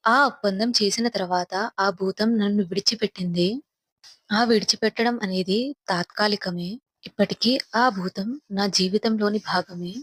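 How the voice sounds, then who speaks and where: A woman's voice: mid-range voice, no echo. A woman narrating a first-person horror story in a grave, tense manner.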